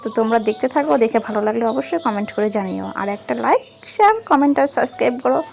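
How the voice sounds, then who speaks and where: A woman's voice: fairly high pitch, lively intonation, fast talker, vocal fry, a little mellow. A woman, a mother chatting to her viewers in a casual family vlog at home. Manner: chatty, addresses viewers directly. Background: background music.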